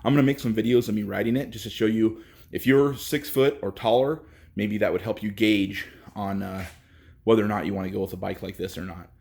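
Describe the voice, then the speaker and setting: A man giving a casual, halting walkthrough of a bike in a workshop, with lots of fillers, a bit out of breath. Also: fairly low pitch, fairly even intonation, creaky, darkish tone. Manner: rambling, halting, with many fillers. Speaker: bike reviewer. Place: indoor workshop.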